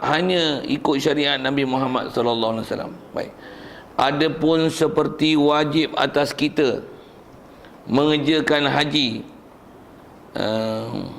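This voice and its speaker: A man's voice: fairly high pitch, vocal fry, fairly bright tone, slight background noise. A man with a Malaysian Malay accent teaching a religious class, conversational and joking, asking and answering his own questions. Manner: jokes with the class.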